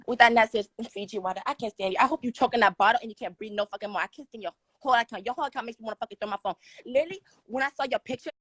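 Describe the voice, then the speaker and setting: Fast, bright-voiced young woman hurling insults. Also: fairly high pitch, slightly rough, no echo. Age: young adult. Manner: rapid-fire crude insults, aggressive and mocking. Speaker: caller on a livestream. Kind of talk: profane roasting rant.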